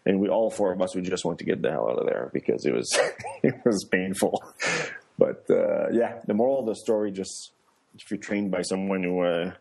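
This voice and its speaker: A man's voice: low voice, normal speed, gravelly, warm tone, slightly rough. A middle-aged man, a former athlete, casually tells a story in an interview. He restarts often and laughs here and there. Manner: rambling, with many restarts and fillers; laughs while telling stories. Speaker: guest, former luge athlete and coach.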